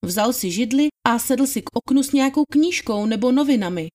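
A woman's voice: a little high, lively intonation, a little mellow, lightly acted. Woman doing a shy polite maid answering a lawyer, plain and humble. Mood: testifying. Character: young female housemaid, dutiful and deferential. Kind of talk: dramatized trial testimony reading.

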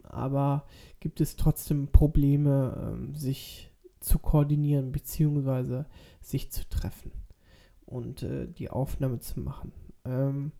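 A man's voice: medium pitch, gravelly, dark tone. A man with a stuffy nose from a cold, talking casually and hesitantly as a solo podcast host.

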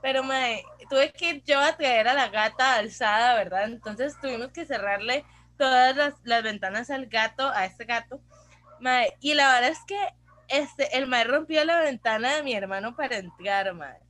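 A young Costa Rican woman chatting on a podcast with a fairly high voice. She tells long, lively stories full of slang and switches into English phrases mid-sentence. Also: normal speed. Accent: Costa Rican Spanish. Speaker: podcast co-host. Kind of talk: casual chat.

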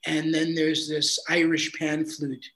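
A man's voice: a little high, completely flat delivery, slow pace, a bit bright, poor audio. A man working as a film composer, talking earnestly and thoughtfully in an interview, with repeats and restarts. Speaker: film composer and sound designer. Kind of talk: casual interview chat.

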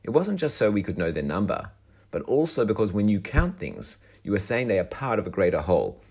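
A hoarse man, a rabbi, calmly explaining a Torah lesson in a recorded weekly talk. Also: on the low side, fairly quick. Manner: calm, explanatory teaching delivery.

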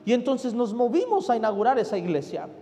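A man, preaching a sermon as a pastor, impassioned and rising louder at his peaks. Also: very high voice, sing-song, brisk, slightly rough. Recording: reverberant hall with music behind.

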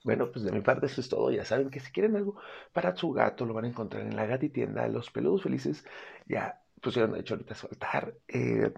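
A man's voice: medium pitch, lively intonation, fast talker, vocal fry, darkish tone, husky, lo-fi sound. A young Mexican man casually giving pet-care advice on his vlog, chatty and playful, acting out owners' voices.

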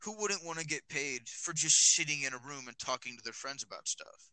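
A man's voice: a little high, animated, a little fast, bright, forceful tone, smooth, no room sound, poor audio. A teenage boy hosting a casual podcast with friends, rambling with lots of fillers, recorded on a phone. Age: teens. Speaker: podcast host. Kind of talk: casual chat.

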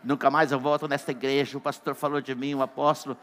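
A man with a Brazilian Portuguese accent preaching a sermon, telling jokes and stories, dropping to a hush and then rising to loud emphasis. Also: medium pitch, little pitch movement, fast, a little hiss or hum. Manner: joking storyteller, shifts between hushed and loud emphatic. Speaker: pastor.

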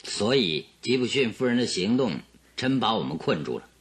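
A man's voice: on the low side, big pitch swings, normal speed, husky. An actor playing Sherlock Holmes, a confident, analytical detective who explains his deductions in a theatrical, expository radio drama style. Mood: assured, explaining. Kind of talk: Chinese radio drama acting.

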